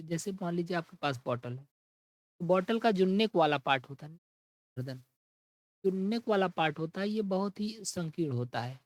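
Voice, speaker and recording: A man teaching an English vocabulary lesson, explaining each word in Hindi and reading the English definitions slowly. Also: fairly high pitch, no room sound, low-quality recording. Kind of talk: exam-prep vocabulary lesson.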